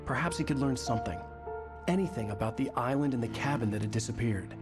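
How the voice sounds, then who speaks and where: A man's voice: mid-range voice, lively intonation, fast, natural voice. A man voicing a troubled thriller writer, narrating a video game in a brooding, literary way. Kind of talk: scripted dramatic narration. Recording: loud music behind the voice.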